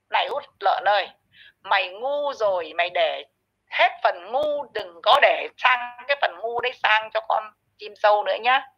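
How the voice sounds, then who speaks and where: A woman hosting her own channel, ranting and scolding someone who is not there in a harsh, insulting commentary monologue. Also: fairly high pitch. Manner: scolding, insulting, addresses absent target directly. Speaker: channel host. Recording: muffled lo-fi audio.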